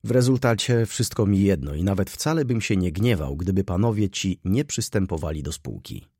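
A man's voice: low voice, lively intonation, moderate pace, mellow, slightly rough, no room sound, clean studio sound, full character voice. A man reading an audiobook and voicing a reserved merchant who answers curtly and offhandedly. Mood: offhand. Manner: curt, offhand. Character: reserved, curt middle-aged male merchant.

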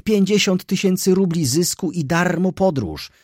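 A man doing a pushy, excitable young shop clerk. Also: sits high, moderate pace, no room sound, studio quality, pitched above the performer's own voice. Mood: agitated.

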